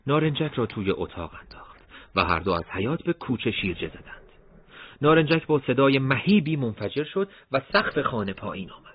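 A man's voice: medium pitch, very animated. A man narrating a war story in a scripted, dramatic reading style, voicing dialogue along the way. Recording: dull lo-fi recording, faint noise.

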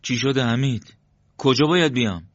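A man's voice: medium pitch, dry recording, muffled recording, voice pushed up, close to an everyday voice. A man doing an anxious, insistent young man. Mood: puzzled. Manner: pleading, demanding questions.

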